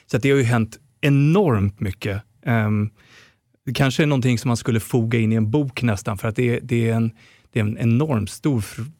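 A man's voice: mid-range voice, darkish tone, no room sound, studio quality. A middle-aged man co-hosting a podcast, explaining his views at length in a casual chat, firm and full of restarts. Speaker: podcast co-host.

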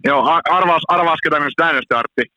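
A man co-hosting a casual sports podcast, giving short replies and relaxed asides. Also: a little high, dry recording, lo-fi sound. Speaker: podcast co-host.

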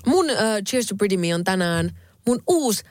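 A young woman from Finland co-hosting a podcast, chatting quickly and lively with casual fillers. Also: mid-range voice, dry recording, clean studio sound. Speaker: podcast co-host. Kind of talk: casual chat.

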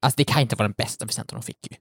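A man's voice: on the low side, vocal fry, no room sound, studio quality. A man co-hosting a casual podcast who argues his point with stammered restarts. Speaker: podcast co-host. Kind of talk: casual chat.

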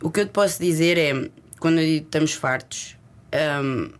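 As a guest in a candid interview, this Lisbon woman with a Lisbon Portuguese accent speaks haltingly and reflectively, now and then using English words. Her voice sits low.

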